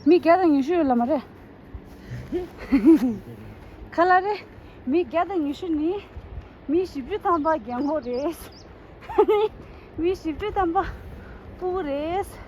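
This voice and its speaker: Give me a high-voiced young woman chatting casually on a travel vlog. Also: lively intonation, takes it slowly, long pauses, darkish tone, slight background noise. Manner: chatty, exclaims and laughs often. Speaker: vlogger.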